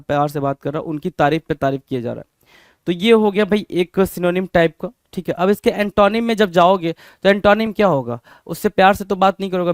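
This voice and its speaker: High-voiced man teaching vocabulary. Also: clean tone, no room sound. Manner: rhetorical questions to students, repeating each word. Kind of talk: exam-prep vocabulary lesson.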